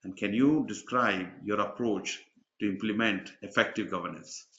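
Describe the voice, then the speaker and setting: A man's voice: fairly low pitch, moderate pace, fairly bright tone. A man hosting an online webinar, chatty and rambling, with many fillers. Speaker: webinar host and exam mentor. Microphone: video call. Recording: dull, echoey video call audio.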